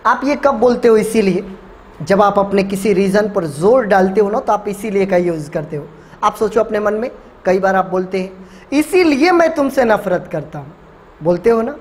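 A man teaching spoken English in a classroom lesson. He repeats each point, asks coaxing rhetorical questions and stretches out English phrases slowly, as if dictating. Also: high voice. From Bihar, India.

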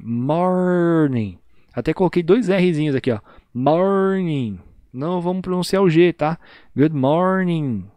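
A Brazilian teacher with a mellow, relaxed voice, recorded dry and close with no room sound. He stretches English phrases out slowly and repeats them so his students can copy him. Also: medium pitch, no echo. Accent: Brazilian Portuguese. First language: Portuguese. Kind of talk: online class teaching.

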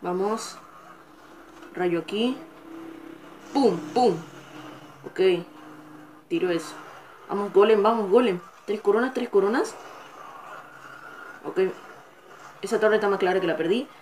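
A woman hosting a gaming channel, giving live gameplay commentary with excitable, frustrated outbursts and cursing at the game. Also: mid-range voice, measured pace, long pauses.

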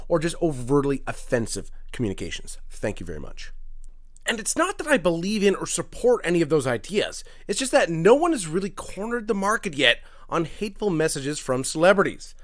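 A man hosting a comedy podcast, reciting rap lyrics word for word in a mock-serious deadpan and stopping to comment dryly on them. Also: fairly high pitch, a little fast. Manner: mock-serious, dry commentary between lively recited lines. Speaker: podcast host.

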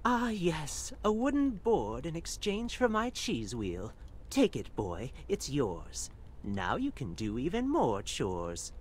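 A woman's voice: deep voice, wildly swooping pitch, takes it slowly, darkish tone, slight background noise, heavily acted. Woman voicing a fussy old rat with a cane. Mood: wry. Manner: fussy, old-fashioned and polite.

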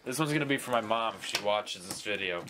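A young man with a fairly low voice tells a relaxed story among friends. He talks in a laid-back, easy way. Steady noise from the room runs behind him. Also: quick pace. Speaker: show regular. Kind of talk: casual chat.

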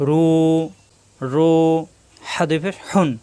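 A man teaching Quran recitation, spelling words letter by letter and drawing out the joined words slowly in a patient, repetitive drill. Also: fairly high pitch, a little mellow. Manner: spells syllables letter by letter, then draws out whole words slowly. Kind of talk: slow spelling-out tajweed lesson.

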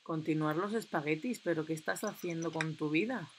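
A young woman, chatting excitedly and reading game options aloud as she plays. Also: low voice, normal speed, noisy background. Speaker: gameplay commentator. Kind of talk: casual let's-play commentary.

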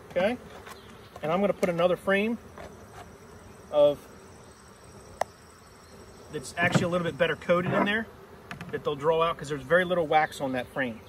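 On a grassy yard, a middle-aged beekeeper inspects a hive and explains each step plainly for a hands-on lesson. His voice runs slightly high for a man, and the camera mic, a few steps off, picks up a faint outdoor hum beneath him.

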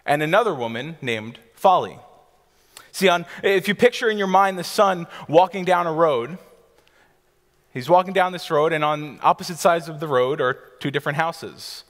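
A man's voice: a little high, a bit bright. Preaching man in a reverberant church hall. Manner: teacherly, pictures scenes for listeners, some restarts. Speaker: pastor. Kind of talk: sermon. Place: church stage before a seated congregation.

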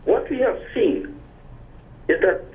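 A man's voice: high-pitched, animated, takes it slowly. An older man, calling in to a radio show over a clipped phone line and making his point in an emphatic, lecturing way. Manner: emphatic and lecturing, with rising stresses. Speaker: caller. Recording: thin tinny phone line.

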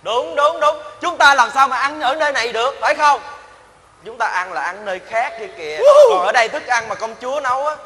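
A man's voice: very high voice, a little fast, bright, forceful tone. A man playing a snobbish, mocking guest with a sneering manner. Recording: hall with long reverb.

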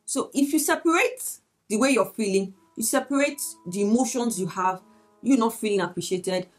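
A woman's voice: a little high, normal speed, soft background music. A woman teaching about resolving conflicts in relationships, often repeating words and acting out quoted dialogue. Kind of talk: teaching talk with acted examples.

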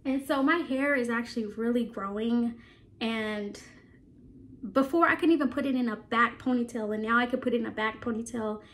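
A woman's voice: a little high, normal speed, fairly bright tone. A woman vlogger talking casually to her viewers, chatty and rambling with frequent laughs, her voice a little stuffy from allergies. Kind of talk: casual chat to camera.

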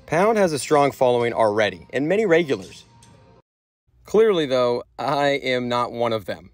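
A man's voice: mid-range voice, very animated, moderate pace, no echo. A male TV reporter with a mid-range voice, delivering a light feature story in an upbeat, self-mocking way. Faint music plays behind him. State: out of breath. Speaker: TV news reporter.

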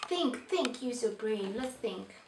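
A young woman hosting a children's lesson in an animated, upbeat way, prompting young children with questions. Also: fairly high pitch, slow, noisy background. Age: young adult. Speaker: host of a children's lesson, teacher. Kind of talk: children's educational lesson, presenting to camera. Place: small indoor playroom. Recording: roomy echo, mic at a distance.

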